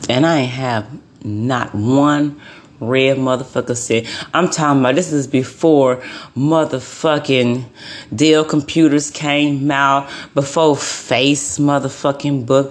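A woman in her forties, a tarot card reader, delivering a heated, profane rant to her viewers and repeating her points for emphasis. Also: low-pitched. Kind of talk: heated ranting monologue.

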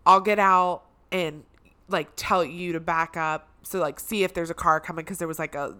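A woman's voice: sits low, fairly quick. A woman co-hosting a podcast, telling a story in casual chat and acting out the people in it. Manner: animated storyteller, acts out quoted relatives loudly. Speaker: podcast co-host.

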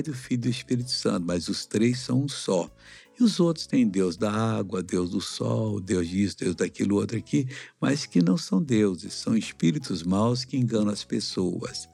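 A man's voice: fairly low pitch, creaky, warm tone. A middle-aged man with a Brazilian accent teaching a children's Bible lesson like an uncle, explaining and asking simple questions. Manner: avuncular, didactic, asks questions. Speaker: missionary Bible teacher, host.

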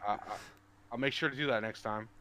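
A man's voice: mid-range voice, fast talker, a crowd in the background. A young man, a pro player as guest, talking casually with many restarts and "bro" and "dude". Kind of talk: casual interview chat.

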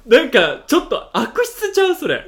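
A young man with a Kansai accent chatting casually with a friend, teasing and reacting with quick remarks. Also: extremely high pitch, wildly swooping pitch, a crowd in the background. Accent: Kansai Japanese. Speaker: friend listening. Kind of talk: casual chat.

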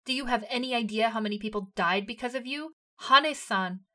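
A woman voicing a furious, hot-headed young male soldier who shouts and curses in a read-aloud story. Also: medium pitch, measured pace, close to an everyday voice. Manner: shouting and cursing.

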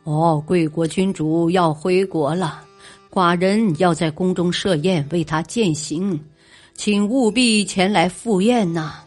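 A woman's voice: lowish voice, takes it slowly, darkish tone, soft background music. A woman voicing a scheming ancient duke who speaks with false courtesy. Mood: falsely polite.

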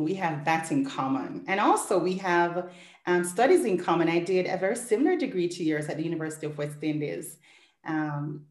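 Woman podcast host, lower voice, gushy list-y delivery, echoey room. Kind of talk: scripted podcast intro then interview.

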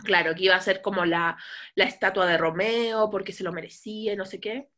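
A woman's voice: medium pitch, steady tone, a little fast, a bit bright. A woman retelling a story in casual chat, laughing often and acting out quotes.

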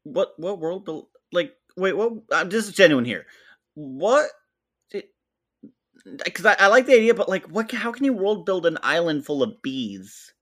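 A man co-hosting a podcast in casual chat, jokey and animated. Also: high-pitched. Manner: joking, animated, quick to laugh. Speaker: podcast co-host.

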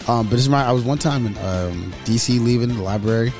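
A man's voice: mid-range voice, quick pace, over music. A young man, co-hosting a podcast, talking sports in casual chat with swearing and acted-out quotes. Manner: animated, profane, acts out quotes in raised voice. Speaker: podcast co-host.

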